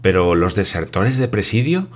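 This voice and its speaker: A man's voice: low voice, sing-song, normal speed. A man voicing a bewildered lord who presses question after question. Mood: urgent questioning.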